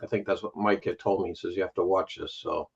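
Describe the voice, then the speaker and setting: A man with a Chicago accent chatting on a livestream, telling his story with a self-deprecating humor. His voice sits fairly low, and it comes through dull, lo-fi stream audio. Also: steady tone, fast, vocal fry, husky. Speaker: YouTube vinyl channel host, guest. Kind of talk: casual livestream chat.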